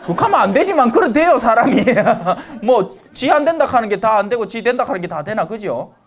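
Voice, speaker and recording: Lively joking priest. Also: male voice, very high voice, a little fast. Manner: lively, joking, asks the audience questions. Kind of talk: lecture sermon to elderly parishioners.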